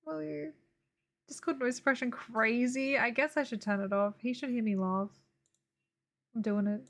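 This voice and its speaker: Speaking at normal speed in a slightly high, somewhat bright voice, a young woman chats casually while drawing on stream. The art streamer is playful and giggly, laughing frequently.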